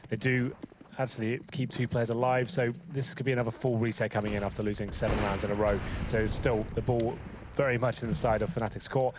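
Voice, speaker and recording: A man's voice: medium pitch, steady tone, a little fast, noisy background. A man giving tactical color commentary on a competitive shooter match, analytical and casual, with frequent fillers.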